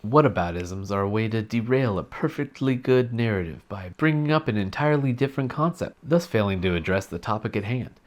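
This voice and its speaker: Guy doing a dry mock-serious comedy rant, lowish voice. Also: a little fast, few pauses, faint music behind. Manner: mock-earnest, deadpan sarcasm. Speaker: satirical commentator.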